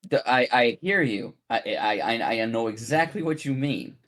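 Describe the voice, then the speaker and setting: A man's voice: medium pitch, lively intonation, normal speed, a bit bright. A man narrating a tabletop game casually as game master.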